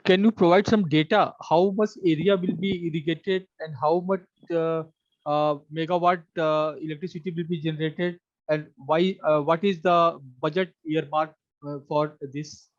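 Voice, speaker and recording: High-voiced Indian man, formal interviewer. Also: steady tone, normal speed, no room sound. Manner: probing, repeats and rephrases questions. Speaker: mock interview panelist. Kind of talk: formal questioning. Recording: dull, lo-fi dry audio.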